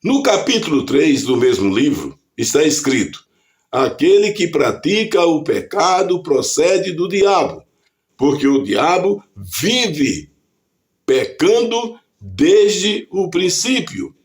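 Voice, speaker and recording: A preacher with a Brazilian Portuguese accent and a high-leaning, very animated voice delivers a scripted devotional reflection, reading scripture aloud in a deliberate, measured way.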